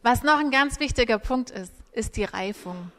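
A woman giving a live parenting talk to an audience, animated and acting out little scenes between parents and children. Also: fairly high pitch, moderate pace. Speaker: parenting speaker. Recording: reverberant hall.

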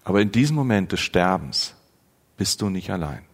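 A man preaching a sermon in a slow, earnest, pastoral manner, rising in emphasis at key phrases. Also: low-pitched, sing-song, breathy edge. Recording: long church reverb.

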